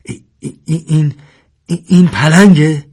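A man voicing a hot-headed, vengeful young man who shouts and stammers when frightened, in a husky voice. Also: on the high side, steady tone, voice pushed up. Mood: stammering scared.

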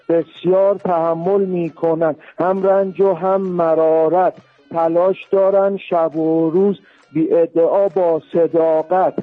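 A man's voice: on the high side, dry recording. Man chanting rhyming verse by phone. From Tehran, Iran. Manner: sing-song, rhythmic, ending lines on rhymes. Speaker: radio call-in listener. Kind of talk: chanted rhyming poem recital. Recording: dry, tinny phone line.

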